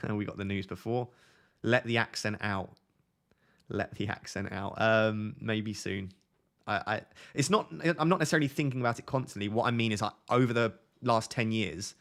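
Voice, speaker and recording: A man in his twenties from Essex, with a softened Essex accent and a lowish, slightly bright voice, chats candidly on a live stream. As a fantasy football streamer answering viewers' questions, he rambles through tangents and restarts.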